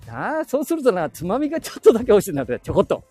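A man's voice: high-pitched, huge pitch swings, racing, dark tone, breathy edge. Chatty man in his 70s with a Nagoya dialect. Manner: chatty, talks to himself, frequent chuckles and asides. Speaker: podcast host. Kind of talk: casual rambling monologue while walking. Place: walking outdoors and inside a bank ATM booth.

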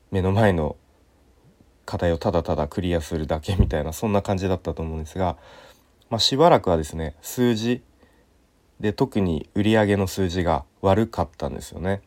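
A man in his thirties hosting a casual solo talk show, relaxed and unhurried with lots of fillers, his throat a little sore and his nose stuffy. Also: low voice, dry recording. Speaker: podcast host.

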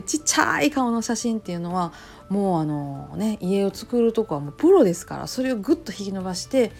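A woman's voice: mid-range voice, gravelly, mellow, slightly rough. A woman with a Kansai accent who hosts her own channel, talking casually in a rambling, storytelling way full of fillers. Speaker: channel host, temple wife and nurse. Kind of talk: casual chatty monologue.

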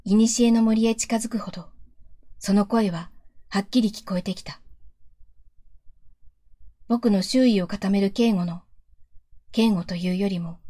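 A woman reading a novel aloud as a storyteller, calm and measured, sometimes dropping soft and quiet. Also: mid-range voice, no room sound, clean studio sound. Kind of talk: audiobook-style reading of a novel.

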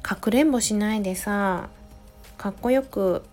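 Woman, thirties, mother, gentle chatty solo talk, close mic, faint background music. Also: medium pitch, normal speed. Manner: gentle, chatty, many soft "ne" tags. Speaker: podcast host, mother of a preschooler. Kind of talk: casual solo audio diary.

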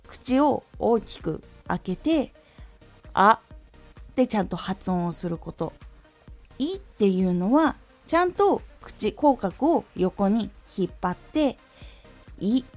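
Woman ex-voice actor giving diction tips, bouncy up-and-down voice, soft music under it. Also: mid-range voice. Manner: lively teacherly delivery with clear articulation demos. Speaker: former voice actor, audio-stream host. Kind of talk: instructional talk on diction.

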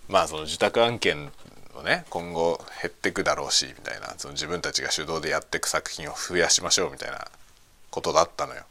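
A man's voice: a bass voice, a little fast, bright, forceful tone, a little hiss or hum. A man chatting casually and venting in a blunt, grumbling way, often breaking into chuckles. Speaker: streamer chatting on a lunch break. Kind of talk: casual chat, venting about work.

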